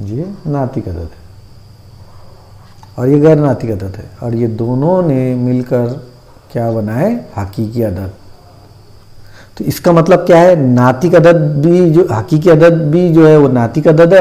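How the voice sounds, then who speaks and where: Guy teaching maths, warm low-key voice, asks himself questions then answers, says the numbers over slowly. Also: expressive. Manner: explains step by step, asks and answers his own questions; repeats terms and numbers slowly. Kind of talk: classroom-style video lesson.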